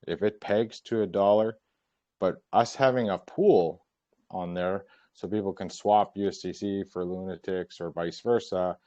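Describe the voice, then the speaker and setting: Low-voiced man on a dull voice call. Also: no room sound. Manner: relaxed, explains plainly, with some restarts. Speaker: token project team member hosting a Q&A. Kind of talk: casual voice-chat Q&A. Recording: dull lo-fi voice chat.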